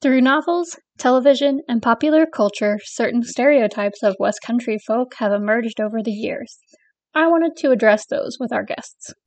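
A woman from northern England hosting a podcast, reading prepared segments in a measured, informative way. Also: a little high, no echo. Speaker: podcast host. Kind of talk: scripted podcast narration.

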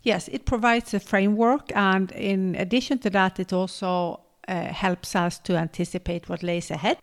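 A woman's voice: medium pitch, steady tone, moderate pace. A woman co-hosting a podcast, chatting casually and enthusiastically, laughing often. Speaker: podcast co-host.

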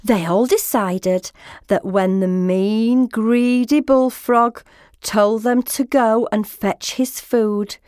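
A woman reading a children's story aloud as a storyteller, slow and deliberate. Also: fairly high pitch, fairly even intonation, a little mellow, no echo, studio quality.

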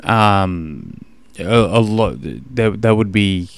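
A man's voice: fairly low pitch, expressive, very slow, clear, resonant tone, no echo. A man hosting a podcast, giving coaching advice in a rambling, matey way full of fillers. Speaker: podcast host and running coach. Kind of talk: casual monologue answering a listener question.

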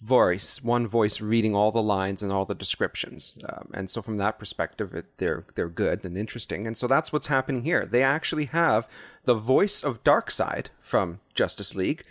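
A man's voice: on the low side, normal speed, no echo, clean studio sound. A young man co-hosting a podcast in casual chat, laughing often and thinking aloud with fillers. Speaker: podcast co-host.

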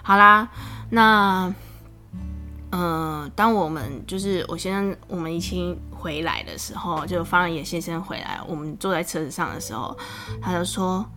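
A woman in her thirties with a Taiwanese Mandarin accent, telling a story about her child in a casual, animated way, often laughing. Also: on the low side, normal speed, faint music behind. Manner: chatty, animated, laughs often, voice rises when exasperated. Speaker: podcast host, mother.

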